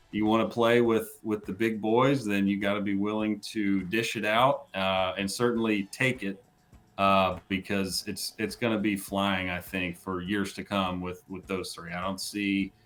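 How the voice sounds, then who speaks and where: Low-voiced guy on a sports podcast, laid back, chuckles a lot, keeps restarting his sentences. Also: a bit bright. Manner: easygoing, chuckles between points, restarts phrases. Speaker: podcast guest, college football writer. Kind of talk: casual sports podcast chat.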